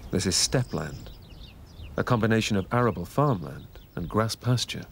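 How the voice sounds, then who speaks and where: A man narrating a scripted nature documentary in a measured, informative way. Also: on the low side, lively intonation, gravelly, a little hiss or hum.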